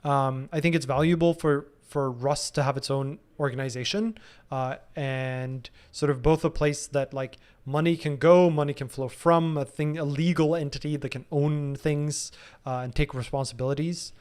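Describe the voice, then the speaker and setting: A man's voice: on the high side, fairly even intonation, moderate pace, a little mellow. A man in his thirties answering viewer questions casually in a live stream, thinking aloud with frequent ums and restarts. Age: 30s.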